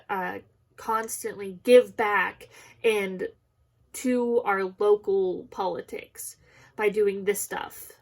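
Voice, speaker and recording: A young woman giving a recorded class presentation, nervous and halting, often stopping to correct herself. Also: medium pitch. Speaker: student presenting a class discussion.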